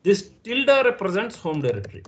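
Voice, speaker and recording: A man's voice: high-pitched, huge pitch swings, fairly quick, fairly bright tone, slight background noise. A man with an Indian English accent teaching a live online class, patiently repeating points and checking that students understand. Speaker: instructor.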